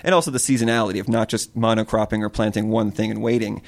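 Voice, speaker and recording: A man's voice: lowish voice, fairly even intonation, fast, gravelly. A man from Connecticut who runs a small farm, earnestly explaining his work in an interview. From Connecticut, USA. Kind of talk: interview answers.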